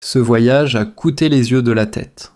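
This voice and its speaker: The speaker, a man with a medium pitch and a little mellowness, reads language drills as a teacher, pacing them phrase by phrase in a measured, repetitive way for shadowing.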